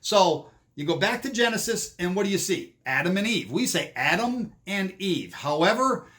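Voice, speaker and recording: A man's voice: sits high, sing-song, moderate pace, sharp tone. A man giving a rambling monologue commentary, often restarting and repeating himself.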